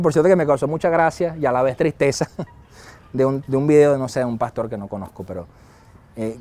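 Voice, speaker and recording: High-voiced pastor preaching. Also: male voice, slight background noise. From Venezuela. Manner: lively, acts out quoted dialogue and chuckles often. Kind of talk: sermon.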